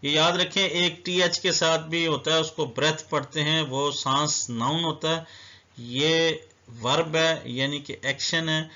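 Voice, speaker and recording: A man's voice: on the high side, fairly even intonation, measured pace, sharp tone, muffled recording. A man teaching a vocabulary lesson. He spells each word letter by letter and explains what it means. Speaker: English teacher. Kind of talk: slow, deliberate vocabulary lesson.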